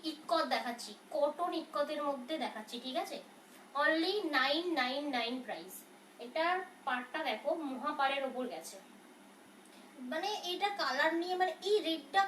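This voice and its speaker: A soft-spoken woman selling sarees on a live stream, talking in a chatty, reassuring way as she answers viewers' questions. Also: high-pitched. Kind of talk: casual live sales talk. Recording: roomy, from a distance, faint noise.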